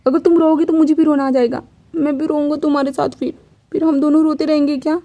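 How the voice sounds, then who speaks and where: A woman voicing a steady, reassuring young man who soothes and gently scolds. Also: high-pitched, fast. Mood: soothing. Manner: soothing and firm. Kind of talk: fan fiction storytelling.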